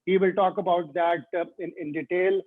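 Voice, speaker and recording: A man's voice: high-pitched, fairly even intonation, moderate pace. A man hosting a podcast interview, speaking hesitantly with many fillers and restarts. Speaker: podcast host. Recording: tinny phone-like line.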